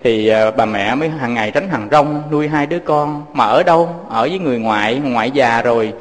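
A man's voice: mid-range voice, brisk, in a large hall. A Southern Vietnamese man, a Buddhist monk, giving a fatherly sermon full of personal stories and speaking to his listeners as his children.

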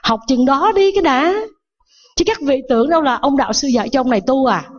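A woman's voice: high voice, expressive, fast talker, dull audio. A Buddhist nun giving a sermon, telling a parable and asking her listeners rhetorical questions.

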